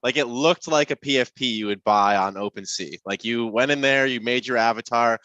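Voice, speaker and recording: A man's voice: mid-range voice, brisk, bright, forceful tone, no room sound, dull audio. A man hosting a casual podcast chat, rambling along with many fillers and restarts. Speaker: podcast host.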